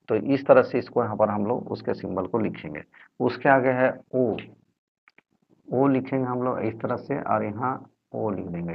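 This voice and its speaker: A man from Jharkhand with a Jharkhand Hindi accent, teaching Hindi letters slowly and repetitively, sounding out each syllable, on a dull lo-fi recording. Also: medium pitch, vocal fry, husky. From Jharkhand, India. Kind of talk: explaining Hindi letters at a board.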